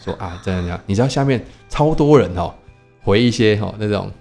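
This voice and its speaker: A man telling a story in casual podcast chat, animated, quoting people and asking rhetorical questions. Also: fairly low pitch, fast talker, creaky, soft background music. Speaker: podcast co-host; teacher.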